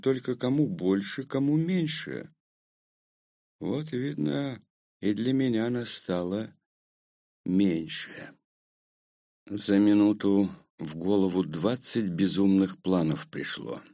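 A man narrating a first-person audiobook story in a slow, measured way. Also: fairly low pitch, gravelly, darkish tone, no echo, studio quality.

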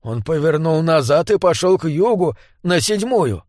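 A man voicing a tense man who speaks in hushed, urgent whispers in a read-aloud story. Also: a little high, sing-song, normal speed, no room sound, clean studio sound, pitched above the performer's own voice. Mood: hushed urgency. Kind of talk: audiobook character voice.

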